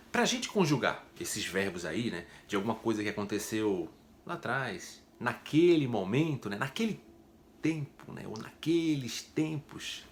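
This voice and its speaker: A man teaching French in a casual video lesson, explaining step by step and tagging sentences with quick questions. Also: mid-range voice, a little hiss or hum. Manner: chatty, explains step by step with frequent "né?" tags.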